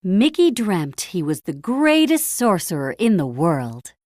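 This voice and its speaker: With a lowish voice, a woman tells a children's story as the narrator, sounding animated and musical. She moves at a measured, somewhat slow pace and emphasizes key phrases dramatically, in a dry recording free of room echo.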